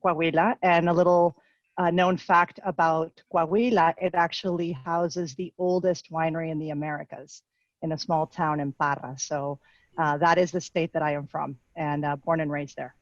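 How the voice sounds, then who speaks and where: A woman's voice: deep voice, level tone, moderate pace, no room sound, highs cut off. A woman from northern Mexico, a winery co-owner on a virtual panel, speaking cheerfully. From Torreon, Mexico.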